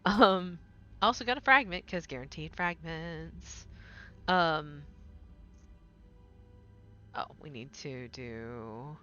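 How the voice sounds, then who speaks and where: Chatty woman streamer, bright lo-fi sound. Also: low voice, lively intonation, slow pace, long pauses. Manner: chatty, rambling, laughs often. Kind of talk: casual gaming stream chat.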